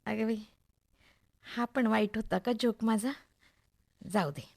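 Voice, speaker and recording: A woman's voice: fairly high pitch, measured pace, vocal fry. A woman playing a chatty, opinionated middle-aged mother in a radio play, confiding and gossipy, with a Maharashtrian accent. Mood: playful, savouring. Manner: gossipy, expressive, confiding, rhetorical questions.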